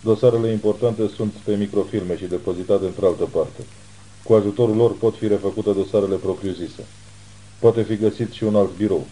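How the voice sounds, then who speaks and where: A man reading as a steady private detective with a deep, very dark voice who talks in a measured, reassuring way. The tone is low and unhurried, the way a calm protector sounds when he is steadying others. It reads like an audiobook. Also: lightly acted, rough recording. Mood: grave.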